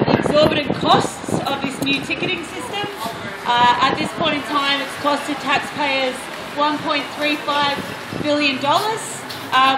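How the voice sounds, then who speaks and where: A young woman speaking at an outdoor protest rally, hesitant with many fillers, recorded from a distance on a city street. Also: high voice. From Australia. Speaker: rally organiser. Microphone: far camera. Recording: roomy street sound, crowd and traffic noise.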